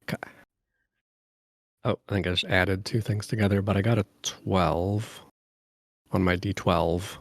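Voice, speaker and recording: Male tabletop player, lower pitch, close dry sound, casual and tentative. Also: fairly even intonation, unhurried, long pauses, no room sound. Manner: hesitant, thinking aloud. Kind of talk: casual in-game role-play chat.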